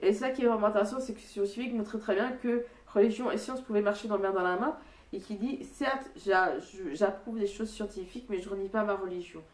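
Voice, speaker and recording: An echoey room and a distant microphone frame a young woman reviewing a book casually. Her voice is mid-pitched and nasal, clogged by a stuffy nose. She rambles hesitantly, often restarting her phrases. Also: fast. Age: young adult. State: congested blocked nose.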